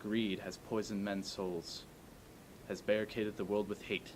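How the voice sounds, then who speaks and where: A man giving an earnest recitation of a speech with measured, declamatory phrasing. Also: flat delivery, rough recording. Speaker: amateur performer. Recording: faint noise and low rumble.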